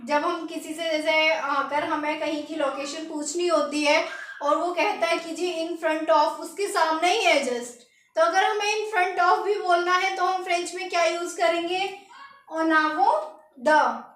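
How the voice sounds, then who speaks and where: A very high-pitched woman from India teaches a lesson at an unhurried pace. She repeats each word and asks the viewer to say it back, and the room gives her voice a clear echo. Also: fairly even intonation, fairly bright tone. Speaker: French teacher. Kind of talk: language lesson.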